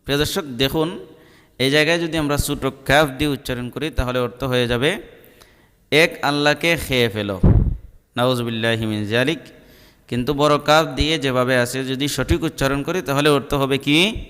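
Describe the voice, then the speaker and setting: A man giving a Quran pronunciation lesson, explaining each letter slowly and deliberately between chanted verses. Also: medium pitch, a bit bright, clean tone. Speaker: Quran recitation teacher. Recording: long hall-like reverb.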